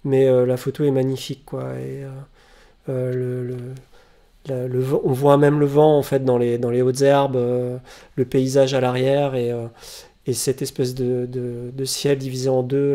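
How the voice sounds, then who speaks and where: A man with a gravelly voice at an ordinary pitch talks through his record collection in a casual home vlog. He hesitates often and restarts his sentences. The webcam picks him up at home. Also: little pitch movement, moderate pace, mellow. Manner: hesitant, many fillers and restarts. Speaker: vinyl collector presenting records.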